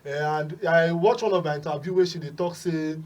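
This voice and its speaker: A man's voice: fairly high pitch, fairly even intonation, brisk, darkish tone, recorded from a distance. A Nigerian man speaking Pidgin as a panel analyst, with a hesitant delivery full of filler sounds.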